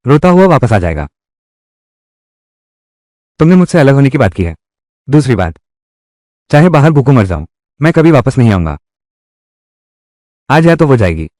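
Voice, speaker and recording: A man's voice: mid-range voice, darkish tone, dry recording, clean studio sound, natural voice. A man voicing heated, scolding family quarrels in dubbed drama dialogue. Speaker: voice actor dubbing a village family drama.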